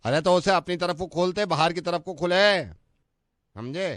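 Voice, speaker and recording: A man making a radio prank call, calmly placating an angry caller. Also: high voice, normal speed, no echo, clean studio sound. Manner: calm, placating, rustic.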